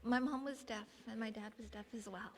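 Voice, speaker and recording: Female memorial guest, off-the-cuff tribute, hesitant delivery; creaky, higher-set voice, echoing hall. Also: steady tone, brisk. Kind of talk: unprepared personal tribute. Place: large echoey room at a gathering. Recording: reverberant hall, faint background noise.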